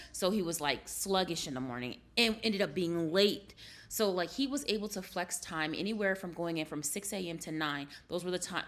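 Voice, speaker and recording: A woman's voice: fairly low pitch, a bit bright. A woman vlogger explaining things casually to her viewers, repeating herself for emphasis. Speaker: vlogger, mother.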